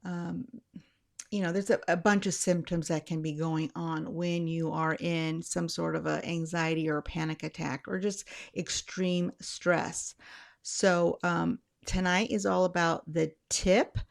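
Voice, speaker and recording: Chatting casually, a middle-aged channel host explains her anxiety tips, drifting a little and fixing her words as she goes. She speaks unhurriedly in a lowish voice with a level tone and vocal fry.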